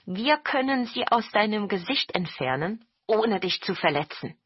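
Storybook goblin troupe, eager and flattering, pitched up and pushy, read by a woman. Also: unhurried, breathy edge, no echo, lo-fi sound. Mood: coaxing. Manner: high, loud and coaxing.

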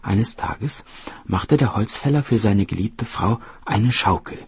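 A man narrating a fairy tale in an expressive, lively reading style. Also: lowish voice, measured pace, slightly rough. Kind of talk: storybook narration.

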